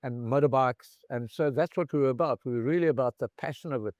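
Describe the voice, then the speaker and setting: A middle-aged man from South Africa, a bar founder telling lively stories in a casual interview and acting out the voices in them. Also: medium pitch, quick pace, no room sound. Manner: animated anecdotal storyteller, acts out dialogue. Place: bar in Cape Town.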